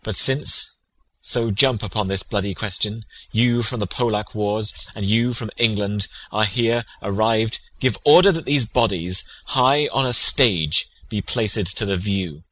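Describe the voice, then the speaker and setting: An actor playing a loyal, grieving noble friend of a prince in Shakespearean tragedy, with solemn, measured declamation. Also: male voice, fairly low pitch, fairly bright tone, poor audio. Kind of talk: Shakespearean tragedy audio acting.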